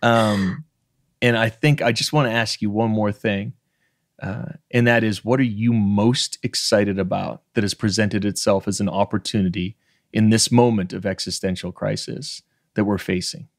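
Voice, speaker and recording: Using a studio microphone on a stand in a home room with bookshelves, a man in his thirties from Canada's Maritimes hosts a podcast interview by video call, casual, frank, emphatic and freely swearing. His voice is on the low side, fairly even in intonation and normal in speed, with clean studio sound and no room sound.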